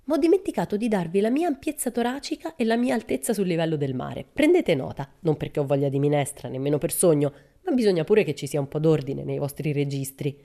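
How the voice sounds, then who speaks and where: A woman's voice: low-pitched, lively intonation, fast, few pauses, mellow. A woman voicing a cheeky, boastful little girl in a storybook reading, bold and chirpy. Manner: bold, chirpy, matter-of-fact.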